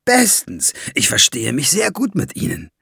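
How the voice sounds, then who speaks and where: A man's voice: mid-range voice, wildly swooping pitch, moderate pace, gravelly, pushed and bright, slightly rough, no room sound, clean studio sound, heavily acted. A man voicing a scheming, gloating male dwarf in an audiobook, sneering and mocking with greedy glee. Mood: gleeful. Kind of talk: audiobook character voice.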